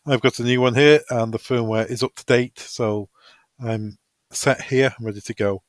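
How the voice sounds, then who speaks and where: A man explains software in a step-by-step, semi-improvised product tutorial, keeping things informal and practical. His mid-range voice has fairly even intonation and a normal speed, and there's no echo.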